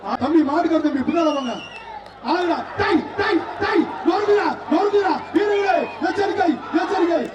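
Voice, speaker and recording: A man announcing an outdoor event through a loudspeaker, shouting and repeating short calls in live commentary. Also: very high voice, moderate pace. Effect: through a loudspeaker system. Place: outdoor bull-taming arena. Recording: echoey, distant, dull loudspeaker sound. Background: loud cheering crowd and noise.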